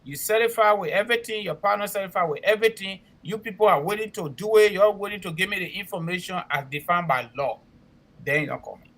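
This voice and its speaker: Male co-host, West African accent, forceful high voice, emphatic promotional delivery with repetition. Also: quick pace. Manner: emphatic, repeats himself for clarity. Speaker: co-host and immigration consultant. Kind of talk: spoken promotional announcement on a talk show.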